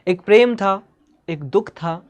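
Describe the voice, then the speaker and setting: A woman teaching a class, explaining and reciting verse in a lively, animated way and often checking that students follow. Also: mid-range voice, slow pace.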